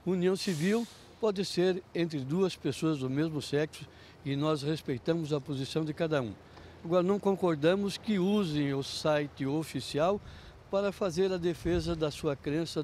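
A man's voice: on the high side, moderate pace, darkish tone. An older man from Curitiba, a city councilman, making a formal, firm statement outdoors into a handheld mic. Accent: Brazilian Portuguese, Curitiba. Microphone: handheld reporter mic. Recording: street traffic faintly behind.

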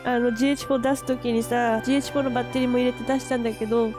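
A high-pitched woman chatting casually to camera as a vlogger. She gushes and laughs easily. Clear music plays behind her. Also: flat delivery. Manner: gushing, chatty, quick to laugh. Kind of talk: casual unboxing chat. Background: background music.

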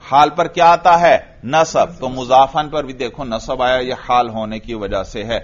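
A man with a Pakistani Urdu accent teaching Arabic grammar in a classroom lecture, asking questions and answering them himself, and reciting Arabic examples slowly. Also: medium pitch, fairly even intonation. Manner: drills students with questions and answers. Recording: dull lo-fi recording.

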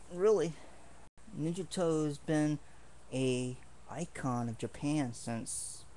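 Slow, rambling earnest man. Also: mid-range voice, warm tone, slight background noise. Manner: rambling, earnest, with many restarts. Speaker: martial arts hobbyist showing swords. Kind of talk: casual home video demonstration.

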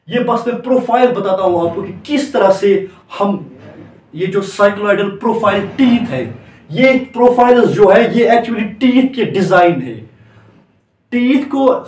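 A man's voice: high-pitched, darkish tone, a little hiss or hum. A male teacher giving a lecture, stepping through a diagram point by point and repeating each step. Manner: repetitive, walks through each step with "here" and "like this". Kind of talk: lecture explaining at a board. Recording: echoey classroom, mic from a distance.

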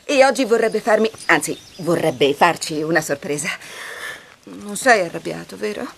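A woman's voice: lowish voice, expressive, normal speed, gravelly. A playful single mother. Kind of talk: dubbed film dialogue.

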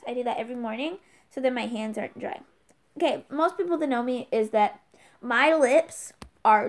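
High-voiced young woman, rambling vlog chat, playful, excitable, hops between topics. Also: vocal fry. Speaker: YouTuber. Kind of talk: casual chatty vlog.

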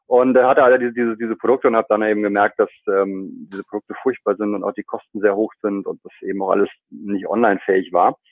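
Speaking quickly with few pauses, this man has a fairly low, steady voice and sounds like he's on a dry, phone-like line without echo. He's a startup founder from Cologne, Germany, being interviewed on a podcast, chatty and quick to laugh, with plenty of fillers and restarts.

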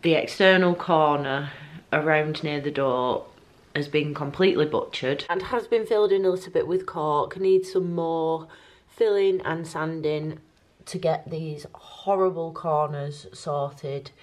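Speaking a little slowly in a voice that sits low, a Northern English woman chats to the camera from her living room at home. The casual vlog talk is hesitant and musing in tone.

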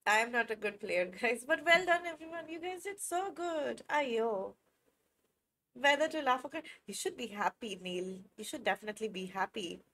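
A woman's voice: a little high, animated, normal speed, bright, forceful tone. A woman in her twenties with an Indian English accent, chatting casually with viewers on a live chess stream, reacting to chat and laughing often. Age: 20s.

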